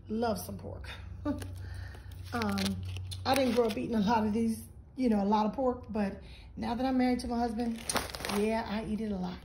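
This somewhat high, mellow female voice belongs to a vlogger walking her audience through a grocery haul in a relaxed, folksy chat. She records in her home kitchen with a handheld phone behind the camera, so the audio is low quality with slight background noise.

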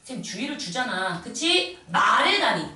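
A bright, high-voiced woman teaches a middle school class with lively, swooping emphasis and quick asides to students. Her voice carries from some distance in an echoey classroom with faint background noise. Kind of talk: classroom lecture.

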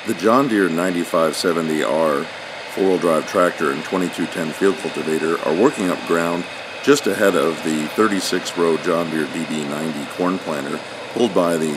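A man giving steady, explanatory scripted voice-over narration. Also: deep voice, moderate pace, noisy background. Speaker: channel narrator.

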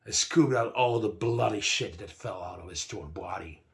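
A man reading a gritty first-person action story aloud, in an expressive, rough-edged storytelling manner with plenty of swearing. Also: lowish voice, moderate pace. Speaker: narrator.

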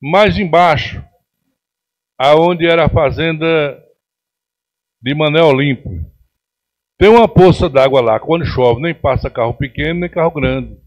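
A middle-aged man with a Pernambuco accent, speaking as a city councillor from the podium of a council chamber. His voice sits a little high for a man, and he presses his complaints with indignant emphasis. The sound is dull and lo-fi, like a chamber broadcast feed. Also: measured pace, pauses often. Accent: Pernambuco Brazilian Portuguese. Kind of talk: plenary speech. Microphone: podium microphone on stand.

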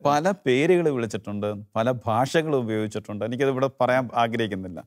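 In an interview, a middle-aged man from Kerala gives his personal testimony earnestly and haltingly. When emotion takes him, his voice sinks low and soft.

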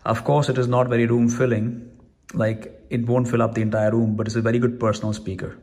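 A man's voice: medium pitch, level tone, a little fast, a little mellow. A man giving a casual, rambling product review at home, chatty and full of restarts. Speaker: tech reviewer. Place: room at home.

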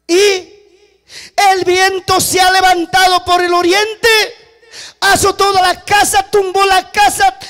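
A man preaching, voicing a panicked male servant who shouts bad news breathlessly. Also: very high voice.

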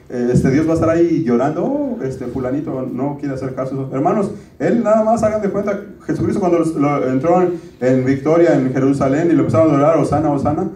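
Slightly high and mellow, the voice of a middle-aged pastor carries through a sermon in which he chats with the congregation and often calls them brothers. The church recording sounds roomy and distant.

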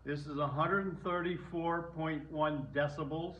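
A man's voice: on the high side, fairly even intonation, unhurried, a bit bright, lo-fi sound. An older man, speaking informally to an audience as the whistle player, plain and folksy with restarts, in an indoor room.

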